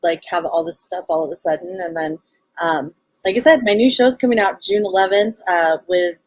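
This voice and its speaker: Bubbly Valley Girl woman, lowish voice. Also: fairly even intonation, normal speed, no room sound. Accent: Californian Valley Girl. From Los Angeles, United States. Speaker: podcast guest, show co-founder and event organizer. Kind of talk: casual live interview chat.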